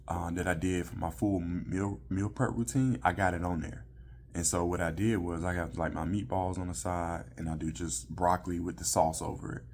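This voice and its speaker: Deep-voiced man, casual motivational vlog. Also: a little mellow, slight background noise. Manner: loose and conversational, full of fillers and "right?". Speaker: vlog host. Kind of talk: casual motivational talk to camera.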